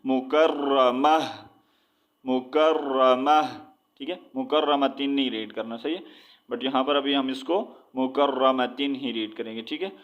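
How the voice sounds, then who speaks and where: A man teaching Quran reading, spelling out letters and drawing words out slowly between explanations. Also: mid-range voice, a bit bright, dull audio. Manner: drawn-out recitation of words, explaining with repeated checks. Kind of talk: slow spelled-out recitation lesson.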